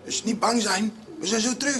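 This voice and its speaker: An actor playing a menacing, mocking criminal in a gangster film, questioning people in blunt, taunting bursts. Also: male voice, high-pitched, a little fast, noisy background, close to an everyday voice. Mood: bossy, threatening. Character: menacing, mocking male criminal interrogating two young intruders. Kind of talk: film acting, gangster crime comedy.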